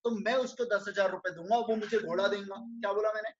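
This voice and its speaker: A man lecturing with an Indian accent, reading English definitions slowly and explaining them in chatty Hindi full of rhetorical questions, calling his students friends. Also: sits high, fairly even intonation, dull audio, slight background noise. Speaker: chartered accountancy lecturer.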